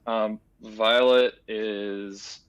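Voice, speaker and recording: A man's voice: lowish voice, steady tone, extremely slow, fairly bright tone, smooth. A man talking casually as a player in a tabletop role-playing game.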